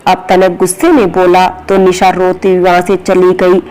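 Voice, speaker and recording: A woman narrating a romantic story in a steady, even reading. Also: lowish voice, moderate pace, rough recording.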